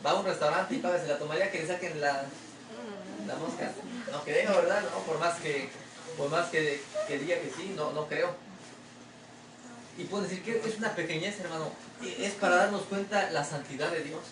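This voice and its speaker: A man's voice: a little high, a little fast. Man preaching in an echoey church. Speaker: pastor. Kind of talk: sermon. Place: church sanctuary. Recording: echoey room, distant mic, faint ambient noise.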